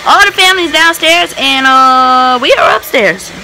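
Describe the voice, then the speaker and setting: A woman's voice: high voice, animated, measured pace, bright, forceful tone, rough recording. A young woman vlogging to her phone held at arm's length, chatty and upbeat. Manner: chatty, upbeat, talks straight to a handheld phone. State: hoarse, losing her voice. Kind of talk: casual vlog chat to camera. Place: hotel rooms, restaurant and mall, indoors. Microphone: phone camera held at arm's length. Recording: phone video with crowd chatter and room noise.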